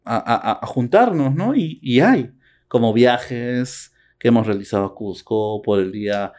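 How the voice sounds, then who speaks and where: Un hombre de voz media y acento peruano que, como copresentador de un pódcast, conversa de forma relajada, reflexiva y con humor. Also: male voice, medium pitch, animated, measured pace, a little mellow. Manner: reflective, teasing, with many fillers. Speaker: podcast co-host. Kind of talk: casual conversation.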